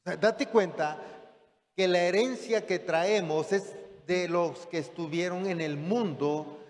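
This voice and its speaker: A man's voice: sits high, takes it slowly. A man preaching a sermon, talking conversationally and often checking in with the congregation through rhetorical questions. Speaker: pastor. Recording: long hall reverb.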